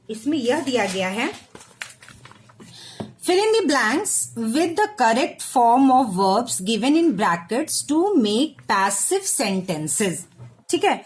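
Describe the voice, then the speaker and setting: A woman teacher explaining a lesson to children, spelling words out letter by letter and often checking if they follow. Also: on the high side. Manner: repeats and checks with "ठीक है?"; addresses children directly.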